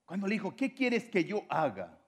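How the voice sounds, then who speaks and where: A man preaching a sermon, moving between loud exhortation and quiet, low drops. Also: huge pitch swings, normal speed, slightly rough.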